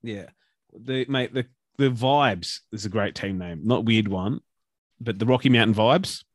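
A man's voice: lowish voice, measured pace, no room sound, studio quality. A man co-hosting a casual podcast, rambling with restarts and casual swearing. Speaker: podcast co-host.

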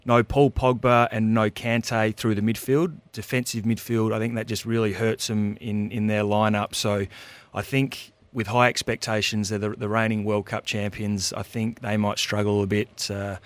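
A man's voice: lowish voice, flat delivery, clean tone, dry recording. An Australian man co-hosting a radio show, talking casually with lots of fillers and restarts. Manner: easygoing, halting with many fillers. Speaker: radio co-host. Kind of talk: casual radio sports chat.

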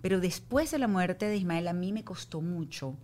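A woman's voice: fairly low pitch, lively intonation, normal speed, a little mellow. A middle-aged woman speaking candidly as a guest, telling stories and acting out her own quoted lines. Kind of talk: candid conversational storytelling.

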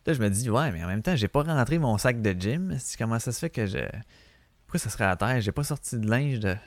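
A man's voice: mid-range voice, lively intonation, brisk, no echo. A man with a Quebec French accent hosting a podcast, telling stories in a rambling, slangy way and swearing freely. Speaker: podcast host. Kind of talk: casual storytelling monologue.

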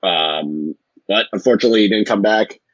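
A man's voice: fairly low pitch, normal speed, no echo. A man co-hosting a sports podcast in casual chat, on slightly dull audio. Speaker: podcast co-host.

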